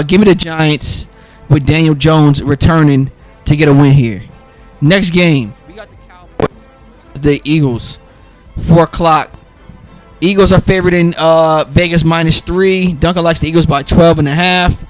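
A man making football picks on a casual solo podcast sounds a little sick, his raspy, worn-down voice pitched a bit high for a man. He rambles loosely, restarting lines and leaning on ums, with faint music in the background.

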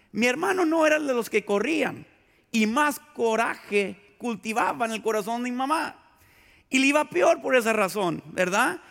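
A man preaching a sermon with a high, gravelly voice. He talks like he is chatting with the room, telling lively stories and asking the congregation question after question. A long reverb trails behind his words, as in a church sanctuary. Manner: conversational preaching with vivid storytelling and rhetorical questions. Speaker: pastor.

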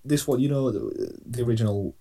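A man's voice: medium pitch, brisk, mellow. A man co-hosting a podcast, presenting a list of dinosaurs in dry, casual chat with casual swearing. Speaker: podcast co-host.

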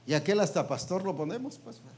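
A man's voice: high-pitched, animated, fairly quick, darkish tone. Man preaching, quizzing his listeners. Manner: colloquial, trailing "pues" and "¿va?". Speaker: preacher teaching a ministers' meeting. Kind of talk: interactive sermon.

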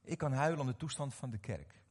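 A middle-aged man preaching a sermon, animated and often questioning his audience, repeating words as he restarts. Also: mid-range voice, fairly quick, husky. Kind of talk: sermon to a live congregation.

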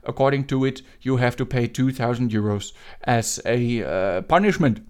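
A man's voice: mid-range voice, smooth, lightly acted. A man doing a pushy scam caller with an Indian English accent. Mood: insistent. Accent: Indian English, put on. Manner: pushy, halting, repeats insistently. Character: male scam caller posing as police officer.

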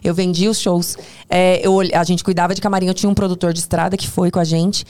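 A woman with a Brazilian Portuguese accent telling work stories casually in conversation, in an animated, hyperbolic way that often interrupts itself. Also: on the low side, fast talker. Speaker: podcast guest, tour producer.

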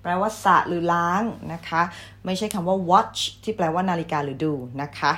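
A woman teacher giving a vocabulary lesson, saying each English word twice, louder and slower, then explaining it politely. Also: fairly low pitch. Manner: polite, ends phrases with soft particles.

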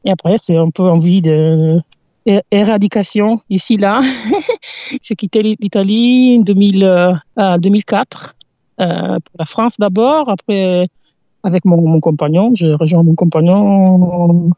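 Brief: Italian-accented woman, 40s, mellow, hesitant and searching for words, laughing easily, dry muffled outdoor recording. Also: medium pitch, a little slow, no echo. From Italy. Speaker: podcast guest, cycling activist. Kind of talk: casual interview chat. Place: outdoors in a meadow, sitting against a tree.

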